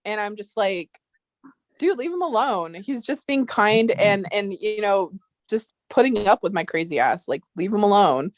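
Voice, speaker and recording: A woman's voice: medium pitch, animated, moderate pace, no room sound, studio quality. A woman hosting a casual chat, talking freely, laughing often and poking fun at herself. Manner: chatty, laughs often, self-deprecating. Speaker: host.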